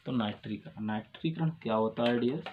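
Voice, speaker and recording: A male chemistry teacher with a Hindi-speaking North Indian accent lectures his class quickly in a medium-pitched voice. He repeats every question, answers it himself, and keeps calling his students "dears." The recording is dull and lo-fi, with faint ambience and a little hiss or hum.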